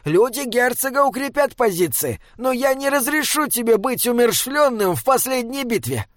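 A man's voice: very high voice, expressive, normal speed, dry recording, studio quality, pitched above the performer's own voice. A man voicing a small, earnest male troll who talks in stilted, oddly worded phrases. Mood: urgent.

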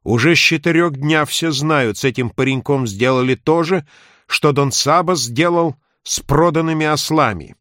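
A calm town doctor with a dry, ironic edge, as a male narrator plays him. His delivery stays steady and slightly raised in pitch. The sound is close and dry. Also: normal speed, no echo, natural voice.

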